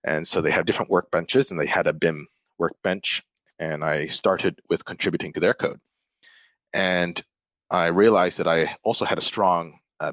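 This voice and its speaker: A Malaysian man, a software developer appearing as a podcast guest, explains things thoughtfully in a casual interview chat, often restarting his sentences. His voice is deep and a bit bright, captured in a dry recording.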